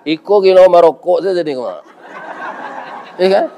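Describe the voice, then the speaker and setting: A middle-aged man with a Minangkabau accent delivers a sermon in a fairly high voice. He is lively and joking, and he keeps asking his listeners to agree with him. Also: a little fast.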